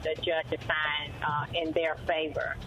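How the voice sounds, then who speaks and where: A woman's voice: low-pitched, little pitch movement, a little slow, noisy background. A woman calling in over a phone line to a radio show. She speaks hesitantly and halts with many fillers. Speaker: caller. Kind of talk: call-in radio chat.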